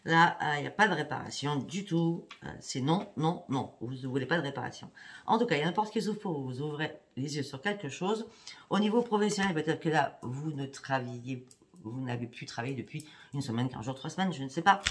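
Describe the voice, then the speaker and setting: Chatty woman reading tarot cards. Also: very deep voice. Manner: chatty, keeps adding "hein" and "d'accord?". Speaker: psychic card reader. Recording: steady background noise with clicks.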